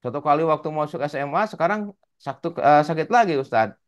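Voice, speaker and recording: Give me a man playing a complaining young man with a toothache, pitched up, with a lively, bouncing voice. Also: a little fast, lightly acted. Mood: meek. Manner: complaining, exasperated.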